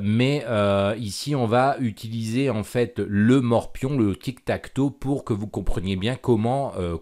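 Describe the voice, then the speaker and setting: A man with a fairly low voice walks through a coding tutorial, narrating over his screen. He pauses often, fills gaps with hesitation sounds and restarts his sentences as he goes. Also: a little mellow. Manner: hesitant, many fillers and restarts. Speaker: programming instructor. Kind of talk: screen-recorded software tutorial.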